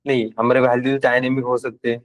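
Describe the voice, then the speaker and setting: A man's voice: mid-range voice, completely flat delivery, quick pace, poor audio. Man teaching a coding class, casual. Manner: casual and direct with students, switching between Hindi and English terms. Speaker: programming instructor. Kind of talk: live classroom lecture.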